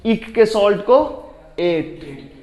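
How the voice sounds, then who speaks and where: High-voiced, unhurried male chemistry teacher. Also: animated, highs cut off. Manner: explains step by step, quizzing students and thinking aloud. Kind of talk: classroom lecture.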